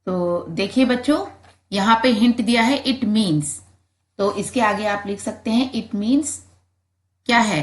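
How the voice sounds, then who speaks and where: A woman's voice: mid-range voice, takes it slowly, roomy sound. A woman teacher, reading English textbook lines and explaining them in Hindi, sounding out letters for the children.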